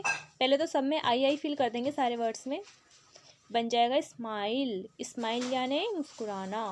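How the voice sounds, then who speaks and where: A woman teacher with an Indian accent, explaining an English lesson in Hindi and reading English lines out slowly. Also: high-pitched, darkish tone, slight background noise.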